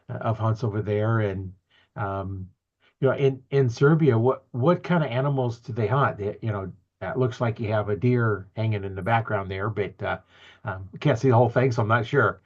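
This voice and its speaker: A man's voice: on the low side, muffled recording. A man hosting a podcast interview over a video call, talking in a folksy, rambling way with fillers. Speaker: podcast host.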